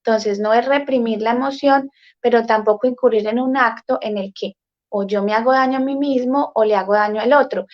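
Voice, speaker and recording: Woman therapist guest, kinda high voice, calm and explainy, lots of eh's, muffled lo-fi sound. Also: fairly quick. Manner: calm, explanatory, with frequent "eh" fillers. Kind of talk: explaining in an interview.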